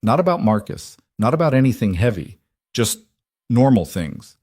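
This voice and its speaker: A man narrating a scripted story in an even, measured way. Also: lowish voice, husky, no room sound, studio quality.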